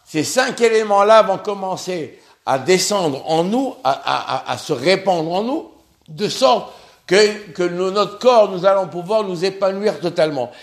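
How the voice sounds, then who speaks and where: A man's voice: high voice, lively intonation, unhurried. A man giving a spoken religious lesson, earnest and emphatic, often restarting and repeating words as he explains. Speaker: religious teacher.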